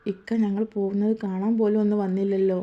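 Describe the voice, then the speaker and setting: A woman voicing a gentle young wife who speaks softly and pleadingly, in a dull lo-fi recording. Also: medium pitch, little pitch movement, fairly quick, lightly acted. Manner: soft, pleading.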